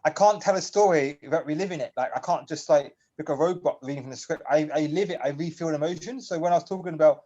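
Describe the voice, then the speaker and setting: A man's voice: fairly high pitch, fast talker, few pauses, dark tone. Rambling man on a dull lo-fi call. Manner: rambling, emotional, laughs often. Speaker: guest on a community video call. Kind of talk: casual chat.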